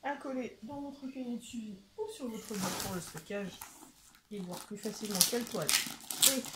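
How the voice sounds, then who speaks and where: A young woman chatting excitedly as she unboxes a craft kit at home, often stumbling and repeating words. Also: fairly high pitch, moderate pace, heavy background noise. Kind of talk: casual unboxing chat. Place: home with a washing machine running.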